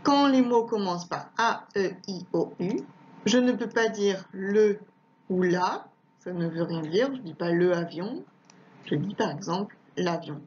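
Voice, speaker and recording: A woman teaching a young child at home, speaking slowly and patiently as she repeats each word and sounds out the letters. Her voice sits at an ordinary pitch for a woman. The recording is dull and lo-fi, with a faint hiss underneath. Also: darkish tone. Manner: slow, patient, repeats words and spells out letters.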